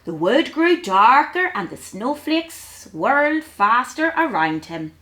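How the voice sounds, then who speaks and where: A woman narrating a storybook for young children with deliberate, sing-song phrasing. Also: on the high side, very animated, fairly bright tone.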